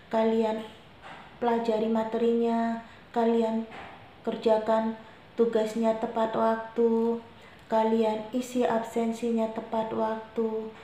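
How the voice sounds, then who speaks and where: A woman's voice: on the high side, dark tone. A woman homeroom teacher giving her students a firm briefing, repeating her reminders. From Indonesia. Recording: very echoey room with faint noise.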